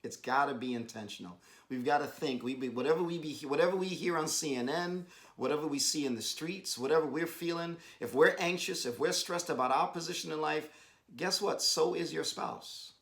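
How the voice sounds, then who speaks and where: A man giving a devotional talk with his wife, exhorting and emphatic, rising to bursts of excitement, speaking over a video call. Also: fairly high pitch, a little fast. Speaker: husband co-hosting a devotional. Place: home, joining an online meeting.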